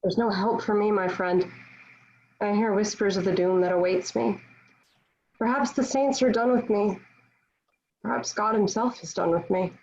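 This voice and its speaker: A woman's voice: mid-range voice, normal speed, pauses often, a little mellow, natural voice. Woman playing devout Joan of Arc, muffled recording. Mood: resigned, sorrowful. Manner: formal archaic phrasing, declamatory. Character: defiant, devout young Joan of Arc awaiting execution. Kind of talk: dramatic table read of historical play. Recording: dull lo-fi virtual-meeting audio.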